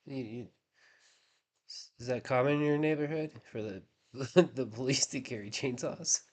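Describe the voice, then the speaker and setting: A man's voice: medium pitch, moderate pace, a little mellow. Wry man commenting sarcastically. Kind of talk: sarcastic commentary over court footage.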